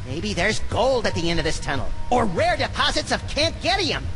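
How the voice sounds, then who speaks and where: An actor playing a small, manic, sardonic imp in a cartoon game, childlike and excitable. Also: male voice, high-pitched, normal speed, soft background music, full character voice, low-quality recording. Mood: impish curiosity. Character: manic little rabbit-like imp sidekick, gleefully violent.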